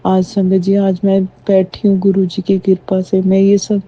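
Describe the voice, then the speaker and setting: A woman telling a personal devotional testimony, halting as she goes and often addressing her listeners directly. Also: medium pitch, completely flat delivery, mellow, lo-fi sound. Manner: keeps addressing listeners as sangat ji, halting delivery.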